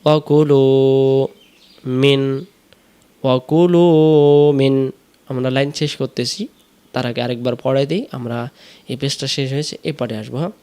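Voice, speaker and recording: A man teaching Quran recitation, slowly drawing out the verses and then explaining each sound quickly. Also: medium pitch, fairly even intonation. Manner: slow drawn-out recitation alternating with quick explanations.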